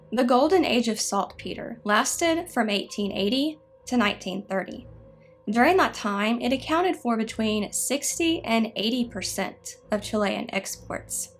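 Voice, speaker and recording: A woman narrating scripted spooky history stories in a measured, explanatory way. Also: a little high. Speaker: narrator of a haunted history show.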